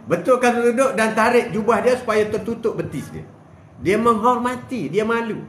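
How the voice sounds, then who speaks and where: An older man giving a casual religious talk, animated and full of rhetorical questions, joking with people in the room. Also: high-pitched, moderate pace, a little hiss or hum. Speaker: religious speaker. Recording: roomy echo with faint ambience.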